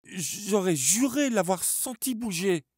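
A man's voice: wildly swooping pitch, normal speed, darkish tone, husky, no room sound, clean studio sound, heavily acted. A man doing jumpy young Charlie. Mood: frightened. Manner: high-strung, rising voice.

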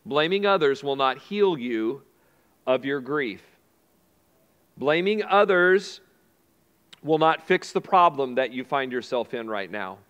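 A man's voice: medium pitch, lively intonation, slow, pauses often, a bit bright, smooth, highs cut off. A man preaching a sermon in a conversational way, repeating key phrases and asking the congregation questions. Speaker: pastor. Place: church sanctuary. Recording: long hall reverb.

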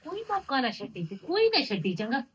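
A woman playing a young wife hushing her mother. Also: big pitch swings, fairly quick, a little hiss or hum. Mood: urgent, pleading. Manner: pleading, scolding in low urgent tones. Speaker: married daughter living with in-laws. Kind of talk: rural village drama acting.

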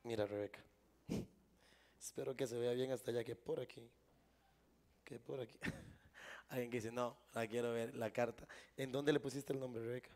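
Joking Costa Rican stage magician. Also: male voice, medium pitch, steady tone, normal speed, long pauses, darkish tone. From Costa Rica. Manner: playful, joking, addresses a volunteer and crowd. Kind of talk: live stage magic show patter. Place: live event before an audience.

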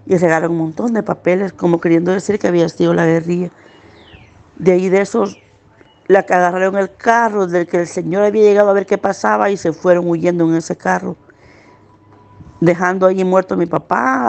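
A middle-aged woman gives earnest, pained personal testimony as a witness, slowing down at the hardest parts. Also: fairly low pitch, gravelly, darkish tone. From El Salvador. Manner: earnest, pained recounting, slowing at hard moments.

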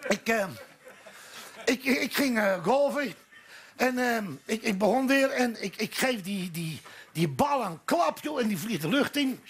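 Male stand-up storyteller at a village talk show; high, husky voice, meandering anecdotal delivery. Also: animated, a little slow, fairly bright tone. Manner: rambling anecdotal delivery with many fillers and restarts. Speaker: guest storyteller. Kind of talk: telling jokes on stage. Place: village café talk show before a live audience.

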